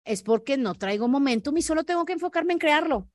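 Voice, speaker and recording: A woman's voice: high voice, dry recording, clean studio sound. A woman with a Mexican accent hosting a motivational podcast, talking straight to the listener and acting out little scenes. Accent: Mexican Spanish. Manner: animated, acts out scenarios in quick voice shifts; speaks directly to listener with frequent "¿ok?" tags. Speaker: podcast host.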